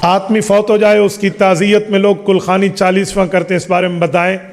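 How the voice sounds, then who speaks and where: A man's voice: high-pitched, level tone, fairly quick, a little hiss or hum. A man delivers religious answers with emphasis. He piles up rhetorical questions and counts off his points in turn. His voice rings out with a long reverb, as if from a large hall. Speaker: Islamic scholar answering questions.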